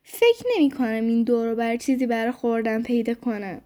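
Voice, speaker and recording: A woman doing a chubby hungry male fox, high and whiny. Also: steady tone, warm tone, close to an everyday voice. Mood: complaining. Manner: whiny, exclaiming, talks to his own belly. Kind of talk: children's bedtime storybook voice acting.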